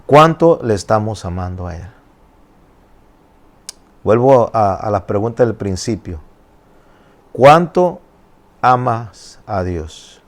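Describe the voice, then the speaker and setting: A man's voice: fairly low pitch, very animated, takes it slowly, pauses often. An older man, a pastor, preaching a sermon with emphatic, repeated questions and rising exclamations.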